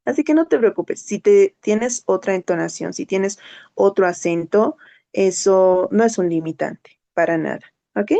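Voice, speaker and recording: A woman English teacher in an online class, modeling words slowly and explaining pronunciation. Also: mid-range voice, vocal fry, dark tone. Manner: slow, drawn-out model words, switching to quick explanations.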